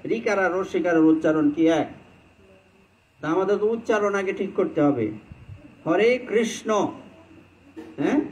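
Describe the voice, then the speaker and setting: High-voiced man giving a devotional sermon. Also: darkish tone, slight background noise, rough recording. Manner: conversational, chants mantra lines mid-talk. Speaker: Vaishnava preacher.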